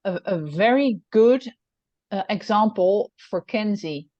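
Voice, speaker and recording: Woman co-host, very slow and careful, dry muffled sound. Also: medium pitch, expressive, warm tone, no echo. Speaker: podcast co-host. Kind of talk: casual chat. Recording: dry, dull lo-fi audio.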